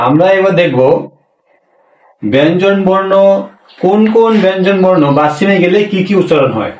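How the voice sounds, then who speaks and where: Male language teacher, slightly high voice, patient and repetitive, roomy sound set back from the mic. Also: lively intonation, distant mic. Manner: slow, repeats each point, asks questions and answers them himself. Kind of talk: spoken language lesson.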